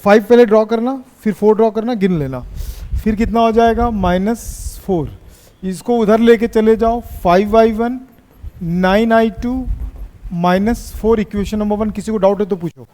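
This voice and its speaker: High-voiced man teaching in a reverberant classroom. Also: fairly even intonation, warm tone. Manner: teasing, urging students to answer fast. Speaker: physics teacher.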